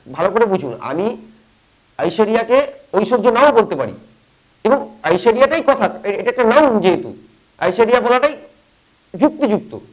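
Opinion commentator, from West Bengal, impassioned monologue, rhetorical questions, repeats phrases, mid pitch. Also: rough recording.

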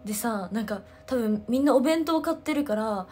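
A woman, chatting casually on a livestream, telling stories excitedly with sound words. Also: fairly high pitch, moderate pace, slight background noise. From Ehime, Japan. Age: 20s. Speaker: idol livestreamer. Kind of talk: casual livestream chat answering comments.

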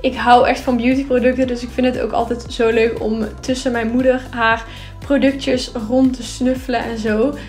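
Upbeat young woman vlogger, higher voice. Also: level tone, normal speed, a little mellow, soft background music. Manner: chatty and upbeat, with filler words. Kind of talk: clean-with-me voice-over narration.

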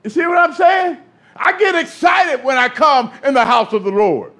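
A man preaching a sermon in call-and-response style, building from steady talk up to shouting. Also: very high voice, normal speed.

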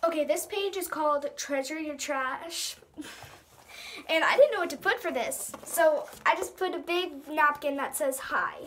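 A young girl of about ten with a high voice talks casually in a small room at home. She is dramatic and self-mocking, switching between reading aloud and chatty asides into a device at arm's length. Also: unhurried, fairly bright tone, slight background noise. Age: child, ten years old. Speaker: young vlogger. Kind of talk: casual chat, reading aloud from old diary.

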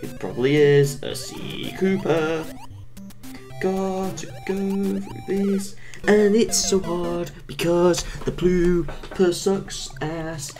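A woman's voice: lowish voice, slow. A woman giving casual, rambling gameplay commentary, easily frustrated and crying out at every setback. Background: game music.

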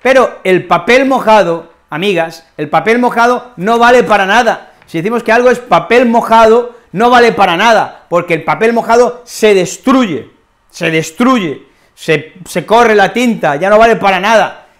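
A woman with an accent from Spain teaching a language lesson, expressive and repeating key phrases as she acts out examples. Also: mid-range voice, normal speed. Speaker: Spanish teacher.

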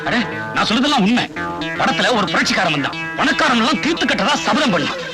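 An excited eyewitness with a Tamil accent, talking quickly in a very high, lively voice. Film music hums behind him. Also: male voice, rough recording. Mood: insistent. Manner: animated, insistent.

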